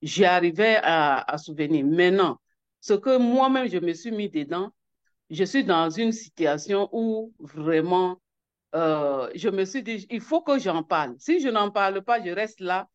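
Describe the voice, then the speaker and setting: A woman's voice: fairly low pitch, expressive, measured pace, lo-fi sound. A woman giving an emotional personal testimony as a network coordinator, hesitant, with many restarts and repeated words. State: emotional, near tears.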